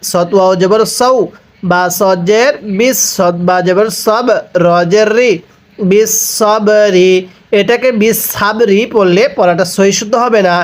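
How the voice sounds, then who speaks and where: A man teaching Quran reading, with a Bangladeshi Bengali accent, who spells out each syllable and chants the verses in long drawn-out tones. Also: high-pitched. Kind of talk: slow spelled-out Quran recitation lesson.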